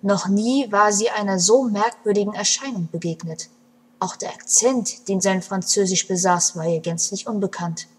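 A woman reads a story aloud in a breathy, mid-pitched voice. Her narration is expressive, dropping into hushed passages and rising strongly at dramatic turns. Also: normal speed. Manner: expressive, with swings between hushed and loud passages.

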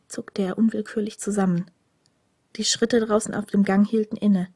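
A woman narrating a story in a hushed voice that often drops to a whisper. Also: medium pitch, breathy edge, no echo, studio quality. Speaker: audiobook narrator.

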